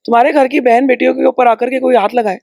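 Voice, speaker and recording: Gravelly-voiced woman teaching with emphasis. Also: high voice, fairly even intonation, fast talker, dry recording. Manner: emphatic, storytelling with sharp rhetorical asides. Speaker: spiritual teacher. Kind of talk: conversational spiritual teaching. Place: indoor podcast recording.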